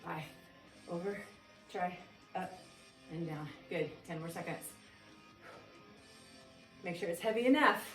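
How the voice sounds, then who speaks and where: A woman fitness instructor coaching a home dumbbell session, calling out upbeat cues and counting down reps. Her voice sits at an average pitch and sounds roomy and echoey. She is a little away from the mic, with faint music playing behind her. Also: slow pace, pauses often, a bit bright, recorded from a distance. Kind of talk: workout class instruction. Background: faint background music.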